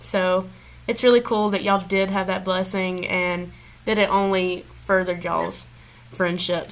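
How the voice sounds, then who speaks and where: A woman hosting a podcast, speaking reflectively and openly about her emotions in a relaxed, conversational way. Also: mid-range voice, low-quality recording. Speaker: podcast host. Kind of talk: casual conversational interview.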